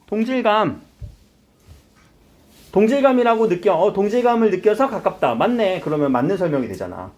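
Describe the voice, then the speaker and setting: Animated male teacher lecturing a class. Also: sits high, moderate pace, pauses often. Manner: lively, questioning the students often. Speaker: Korean literature teacher.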